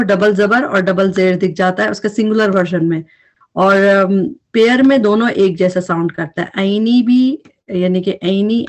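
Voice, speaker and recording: A woman teaching an Arabic grammar recap lesson, explaining patiently and mixing English terms into her speech. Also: medium pitch.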